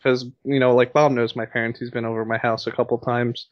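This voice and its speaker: A man's voice: medium pitch, little pitch movement, fairly quick, dry recording. Rambling young man, dry dull call audio. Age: 20s. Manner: rambling, lots of "you know" and "like". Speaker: co-host. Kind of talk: casual podcast chat.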